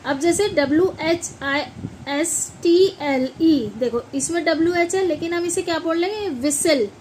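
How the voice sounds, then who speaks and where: Very high-pitched and a little fast, a woman English teacher goes over pronunciation in classroom fashion. She spells words out letter by letter, says them again, and checks her listeners understand. The low-quality recording carries a slight hiss or hum.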